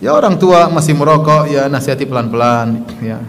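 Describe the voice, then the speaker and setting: A male preacher giving a sermon to women, tagging his phrases with a repeated "ya" and swinging from loud emphasis to soft asides. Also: on the high side, lively intonation, a little fast, slight background noise. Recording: long reverb of a hall.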